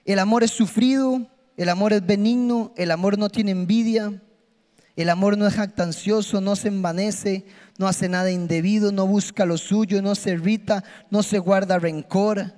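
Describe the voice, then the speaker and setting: A man preaching an impassioned, emphatic sermon in a church, swinging between soft and loud. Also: sits high, fairly even intonation, moderate pace. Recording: long hall reverb with faint music.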